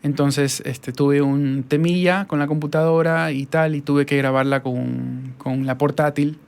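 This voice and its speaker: A man with a Latin American Spanish accent, introducing a podcast episode from his studio in a relaxed, conversational way. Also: on the high side, unhurried, creaky, clear, resonant tone. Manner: relaxed, conversational, with fillers and restarts. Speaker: podcast host and voice-over artist. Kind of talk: casual spoken introduction.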